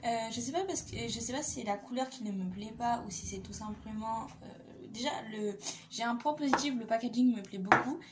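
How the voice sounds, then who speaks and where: A woman's voice: fairly high pitch, a little fast, very noisy. A young woman casually reviewing nail polish in a vlog, hesitant and full of fillers and repeats. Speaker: beauty vlogger.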